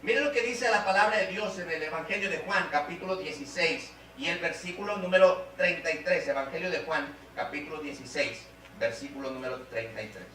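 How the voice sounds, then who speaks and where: High bright-voiced Mexican preacher in an echoey hall. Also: male voice, a little fast, few pauses. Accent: Mexican Spanish. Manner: preaching with big swings in pitch and loudness, dropping low and soft in prayer. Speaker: guest pastor. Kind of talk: sermon. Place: church hall. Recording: echoey church hall, voice from a distance, faint hum.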